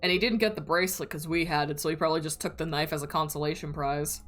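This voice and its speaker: A woman streamer giving casual, excitable commentary while playing a game, laughing and swearing often. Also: deep voice, fast, soft background music. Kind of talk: casual let's-play commentary.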